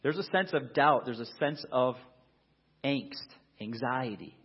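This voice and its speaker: An earnest male pastor delivers a sermon in a husky voice. He swings between loud, emphatic lines and hushed, quiet ones. The recording sounds muffled. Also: mid-range voice, a little slow.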